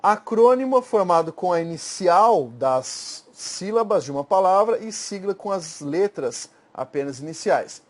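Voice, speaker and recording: Brazilian male grammar teacher, high-pitched, easygoing, checks in with the class after every point. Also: lively intonation, a little slow, few pauses. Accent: Brazilian Portuguese. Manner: explains step by step, checking in with frequent "tá?" and "certo?"; slangy and informal at times. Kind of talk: recorded exam-prep lecture.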